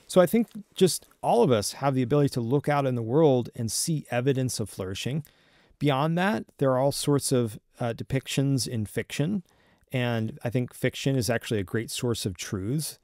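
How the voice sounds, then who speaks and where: A young adult man, a podcast guest, explaining ideas earnestly and in a measured way, with frequent restarts. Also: medium pitch, darkish tone, no room sound, clean studio sound. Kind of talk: thoughtful conversational explanation.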